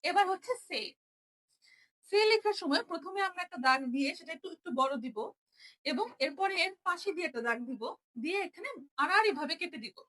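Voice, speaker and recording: A woman's voice: very high voice, animated, brisk, a bit bright. A young woman teaching a Japanese writing lesson, explaining each stroke patiently and repeating every sound.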